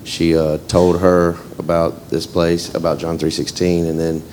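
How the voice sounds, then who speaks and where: Deep flat-voiced man in his thirties. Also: unhurried, slight background noise. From North Carolina. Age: 30s. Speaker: program member giving testimony.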